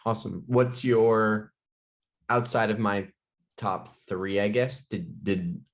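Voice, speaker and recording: A man co-hosting a podcast in casual chat, speaking haltingly with many "um" and "like" fillers. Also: lowish voice. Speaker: podcast co-host.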